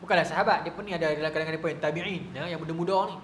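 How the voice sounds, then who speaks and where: Animated lecturer. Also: male voice, on the high side, racing, echoey room, a little hiss or hum. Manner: animated, colloquial, checks in with "ha?" to listeners. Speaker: religious lecturer. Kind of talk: storytelling religious lecture.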